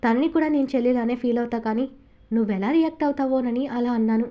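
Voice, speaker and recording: Storybook lover: a woman voicing a tender, teasing young man, affectionate delivery, slightly high mellow voice. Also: quick pace, natural voice.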